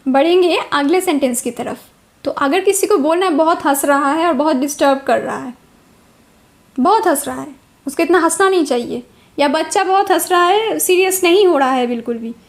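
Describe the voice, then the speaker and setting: A woman, an English teacher giving a slow lesson and drilling each phrase by repetition. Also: sits high.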